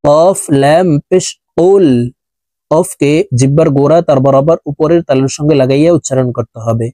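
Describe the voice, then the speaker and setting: A man teaching Quran recitation, spelling out letters and vowel marks one by one, then chanting the words slowly, with brisk explanations in between. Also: on the high side, mellow, no echo. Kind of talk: slow spelled-out recitation lesson.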